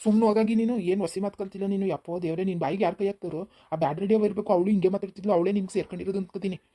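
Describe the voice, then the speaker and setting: A woman's voice: mid-range voice, steady tone, mellow, pitched below the performer's own voice, natural voice. A woman doing a grumpy coughing old village grandpa. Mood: grumbling, scolding. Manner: scolding, rapid, grumbling.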